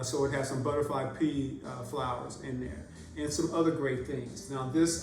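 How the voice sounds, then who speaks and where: Picked up by a far-off mic in a roomy space, a podcast host speaks casually in a medium-pitched, somewhat mellow voice. He halts often and leans on lots of "uh" fillers.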